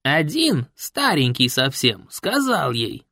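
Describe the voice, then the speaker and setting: A creaky, gruff old village man, as the male reader of an audiobook puts him on, blunt and folksy as he spins his tale. His voice rises and falls with lively swings, and the recording is close and dry. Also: medium pitch, slow, dry recording, full character voice. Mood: storytelling. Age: older. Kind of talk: audiobook character voice.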